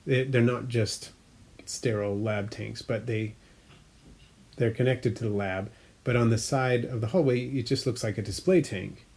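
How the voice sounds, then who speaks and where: A man's voice: mid-range voice, fairly even intonation, moderate pace, darkish tone, breathy edge. A man casually chatting about his fish tanks, rambling a little and correcting himself as he explains. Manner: rambling, self-correcting, frequent fillers; explanatory, hobbyist detail. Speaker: aquarium hobbyist vlogger. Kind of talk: casual chat.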